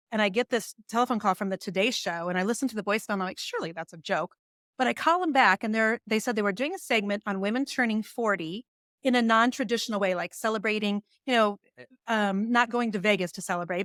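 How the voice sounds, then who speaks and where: This businesswoman in her forties, a coach and author, talks fast in a mid-range voice while sharing casual stories on a podcast. She animatedly performs her inner voice, laughing along the way. The sound is clean studio audio without echo.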